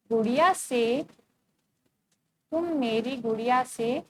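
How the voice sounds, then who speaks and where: High-voiced teacher asking her own questions. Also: slight background noise. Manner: explains step by step, asks and answers her own questions. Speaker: school teacher. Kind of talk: recorded classroom lesson. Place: school.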